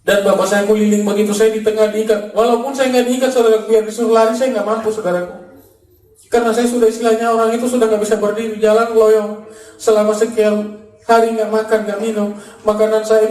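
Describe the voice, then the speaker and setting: A man's voice: sits high, a little mellow, roomy sound, far from the mic. A man from Makassar, a former gangster, gives a fervent preached testimony and keeps calling his listeners "brother". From Makassar, Indonesia. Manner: fervent, addresses listeners as "saudaraku" over and over.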